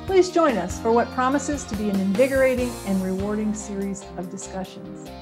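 A woman's voice: medium pitch, expressive. Formal middle-aged woman over music. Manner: measured, formal delivery. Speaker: society representative introducing a symposium. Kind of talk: scripted promotional address. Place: indoors, before a virtual backdrop. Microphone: head-and-shoulders webcam framing.

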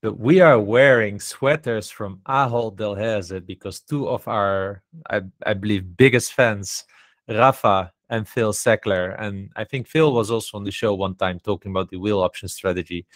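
A man's voice: on the low side, moderate pace, no echo. A man co-hosting an investing podcast, talking casually and often saying "you know" and "I mean". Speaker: podcast co-host.

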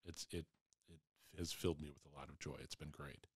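Man, forties, deep voice, unhurried reflective casual chat, candid and rambling. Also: steady tone, slightly rough, no echo, clean studio sound.

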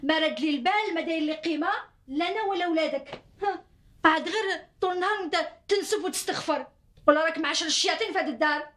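A fed-up Algerian housewife. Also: female voice, high voice, expressive, fairly quick, fairly bright tone. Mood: complaining. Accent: Algerian Arabic. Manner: complaining, reproachful. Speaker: wife in a TV drama. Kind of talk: TV drama acting.

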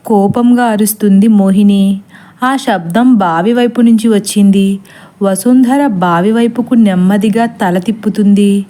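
A woman storyteller narrating a horror story in a steady, dramatic way. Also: medium pitch.

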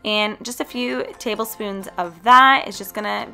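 A woman's voice: mid-range voice, normal speed, creaky, pushed and bright. A young woman from Canada narrating her food vlog in a casual, upbeat voice-over, chatting and recommending foods directly. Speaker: healthy food vlogger. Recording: faint music behind voice.

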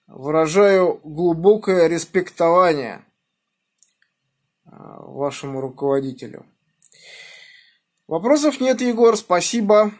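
A middle-aged man from Russia's Moscow region works a ham radio contact, spelling callsigns phonetically in a measured, deliberate and encouraging way, his voice sitting on the high side. He's indoors at a home radio desk near a window, recorded by a phone filming the radio.

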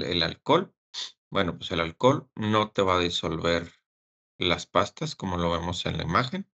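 A man presenting a technical webinar as a service engineer, speaking haltingly with fillers and repeated words over a webcam. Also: low voice, vocal fry, pushed and bright, highs cut off.

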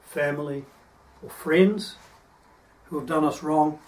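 A man delivers a sermon in a slightly high voice, earnest and explanatory, pausing to unpack each verse. He sounds distant from the microphone, as if picked up from across a church hall. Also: a little mellow. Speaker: preacher. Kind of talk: sermon with scripture reading.

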